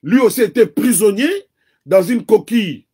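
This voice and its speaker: An interview guest from the DR Congo, a man whose native language is Kikongo, offers earnest, deliberate political commentary in a Congolese French accent. His voice is high-pitched and expressive, warm in tone with a breathy edge.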